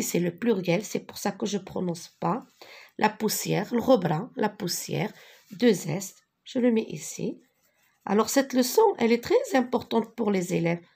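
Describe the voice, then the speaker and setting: A woman teaching a French spelling lesson, patiently repeating each word slowly, with a few translations. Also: fairly low pitch, gravelly, darkish tone, slightly rough. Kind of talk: slow classroom lesson with repetitions.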